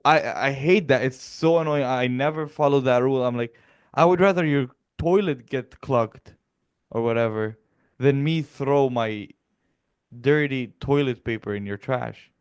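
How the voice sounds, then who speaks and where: Young man from Egypt, podcast co-host; smooth voice, blunt crude comic rants. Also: mid-range voice, unhurried, dull audio. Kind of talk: casual comedy podcast chat.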